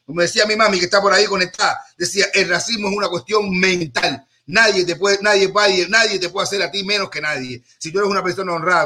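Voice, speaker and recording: A man holds forth in a rambling, joking talk-show monologue. His voice sits high and rings very bright and forward. He stumbles, repeats himself and restarts, then drives the point home.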